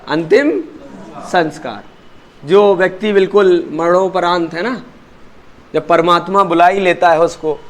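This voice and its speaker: A young Indian man teaching an English class, switching between Hindi and English and quizzing his students as he goes. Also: high voice. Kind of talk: classroom lesson.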